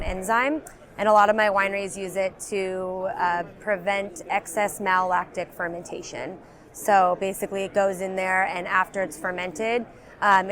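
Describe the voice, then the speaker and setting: Woman explaining products at a trade show. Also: mid-range voice. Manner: explanatory, many fillers like um and you know. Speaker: beverage sales representative.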